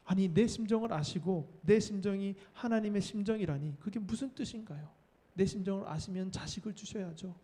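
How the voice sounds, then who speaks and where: A man's voice: high-pitched, a little fast, mellow, pitched above the performer's own voice, close to an everyday voice. A man voicing a grieving, childless woman who pleads anguished prayers during a sermon. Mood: pleading.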